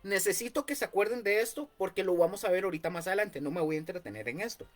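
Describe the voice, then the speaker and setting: A man's voice: sits high, lively intonation, fast. Costa Rican man teaching Bible study. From Costa Rica. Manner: explanatory, repeats key points, frequent fillers.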